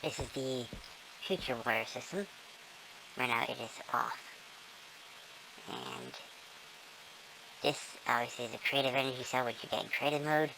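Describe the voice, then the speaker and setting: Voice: big pitch swings, normal speed, creaky, pauses often, noisy background. A person talking through a voice-morphing filter that makes them sound like a small squirrel, casually rambling through a gameplay tour with many ums and self-corrections. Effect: voice-morphing filter, squeaky and small like a squirrel. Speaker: gamer giving a tour of a build.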